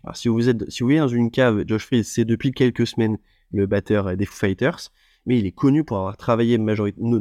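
A man hosts his own podcast alone and speaks without a script. His voice sits fairly low, and he often stops to restart a phrase or fill a pause. The recording is close and dry, with no room sound. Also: darkish tone, no room sound. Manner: hesitant, many fillers and restarts. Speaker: podcast host. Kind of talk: unscripted solo podcast talk.

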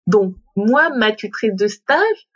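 A woman from Gabon, a coach and guest, tells her story in a casual interview, animated and slipping into quoted voices and English phrases. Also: mid-range voice, takes it slowly, husky. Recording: dull lo-fi remote recording.

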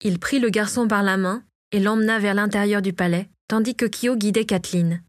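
A woman reads a storybook chapter aloud, calm and even, at a middling pitch. The recording is dry and close, with no room sound. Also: moderate pace, no echo. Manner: reads all characters herself, lightly varying her voice. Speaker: audiobook narrator. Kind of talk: scripted storybook narration.

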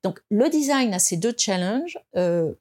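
A woman from France speaking as a guest in an interview, reflective and hesitant, with many fillers and restarts, and rising in pitch to stress her points. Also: expressive, a little slow, a little mellow. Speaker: design expert guest. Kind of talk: conversational interview.

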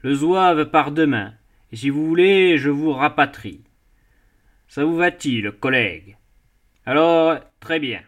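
A man's voice: a little high, expressive, takes it slowly, fairly bright tone. A man voicing a jovial, mocking middle-aged sea captain who teases and laughs as he talks. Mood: mocking amused.

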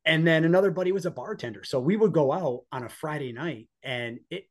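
A former EMT now working as a police officer, this man in his forties from the northeastern US chats through personal stories as a podcast guest. His American-accented voice is on the high side, and he talks fairly quickly.

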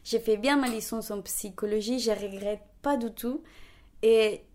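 A young woman in her twenties from Colombia, speaking French with a Colombian Spanish accent, telling her story in an animated way with frequent restarts and laughter. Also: a little high, unhurried. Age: 20s. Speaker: interviewee. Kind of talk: conversational testimony.

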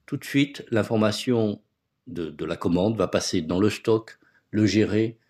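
A man's voice: on the low side, unhurried, a little mellow. A man being interviewed as a guest on a podcast, explaining things step by step with concrete examples. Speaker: guest, agency founder.

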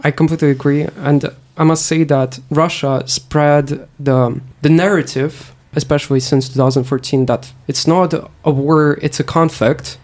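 Firm, measured male podcast guest. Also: a little high, steady tone, darkish tone. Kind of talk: discussion.

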